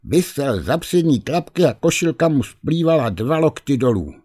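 A man reading a fairy tale aloud in a lively, expressive way. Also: on the high side, breathy edge. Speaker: storyteller.

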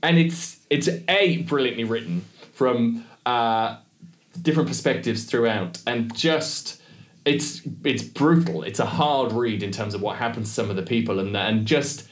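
A man's voice: mid-range voice, measured pace. A man co-hosting a podcast, talking in a chatty, jokey way that often wanders off into asides. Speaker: podcast co-host. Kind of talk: casual chat. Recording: roomy echo.

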